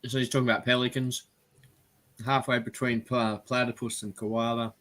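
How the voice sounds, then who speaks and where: An Australian man hosts a relaxed live stream, talking in a bright, lively voice. He rambles freely and breaks into quick bursts of speech. His pitch sits in an ordinary middle range. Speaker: host. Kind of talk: casual live-stream chat.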